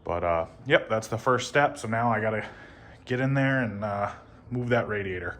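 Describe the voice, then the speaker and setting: A man casually talking through motorcycle work in his garage, relaxed and rambling with many ums. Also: fairly low pitch, moderate pace, a little hiss or hum. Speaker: motorcycle vlogger. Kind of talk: casual how-to narration.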